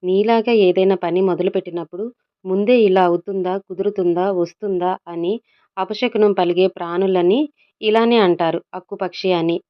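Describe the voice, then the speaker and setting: A woman's voice: lowish voice, fairly even intonation, normal speed, dull audio, lightly acted. A woman voicing a level-headed young man in an audio story, brusque and scolding toward his friend. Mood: impatient.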